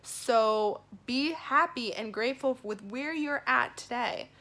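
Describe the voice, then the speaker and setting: A woman's voice: a little high, slow, bright, forceful tone. A young woman gives a casual motivational talk to camera in an earnest, emphatic, informal way. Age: young adult. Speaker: vlog host giving an encouragement message. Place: small indoor room at home. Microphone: phone at arm's length.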